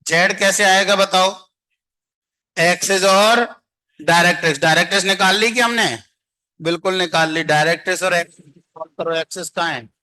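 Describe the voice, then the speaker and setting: A man's voice: high voice, moderate pace, long pauses, sharp tone. A man teaching a math class, constantly quizzing and coaxing his students to answer. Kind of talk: classroom lecture.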